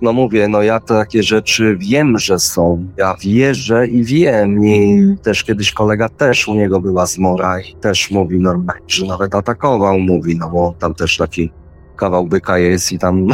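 A man telling a personal experience in casual, rambling speech, acting out his own quoted words as he goes. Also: low voice. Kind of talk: casual spoken storytelling.

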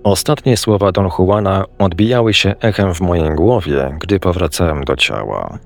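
A man's voice: low-pitched, moderate pace, creaky, soft background music. A man narrating a first-person story in an earnest, reflective manner.

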